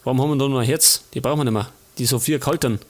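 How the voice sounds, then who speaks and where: A man's voice: mid-range voice, very fast. A man with a Bavarian accent casually commenting on a life-sim game as a let's play host, chatting and grumbling at the characters.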